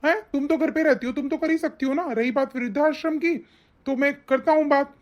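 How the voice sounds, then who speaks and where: A woman voicing a busy adult son and husband in an animated story, speaking in a defensive, brushing-off way. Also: high-pitched, fairly quick, close to an everyday voice. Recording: slightly dull lo-fi audio.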